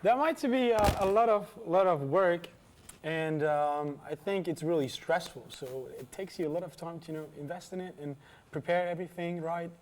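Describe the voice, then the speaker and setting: A man's voice: a little high, moderate pace, a little mellow, a little hiss or hum. A man hosting a student TV magazine, chatty, interviewing a guest and introducing items, with stumbling restarts. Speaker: host and interviewer.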